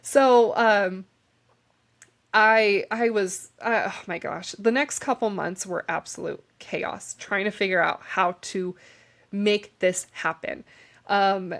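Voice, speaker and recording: A woman's voice: mid-range voice, steady tone, slow, vocal fry, fairly bright tone. Candid young woman telling her story. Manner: candid, rambling, emotional at times. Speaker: podcast host. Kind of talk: personal storytelling.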